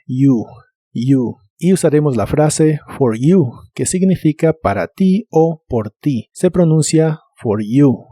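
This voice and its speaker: Male language teacher, dark mellow tone, dry close sound, deliberate drill delivery. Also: on the high side, lively intonation, no echo. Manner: slow, deliberate pronunciation drills with repetitions. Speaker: English teacher. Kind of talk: scripted language lesson narration.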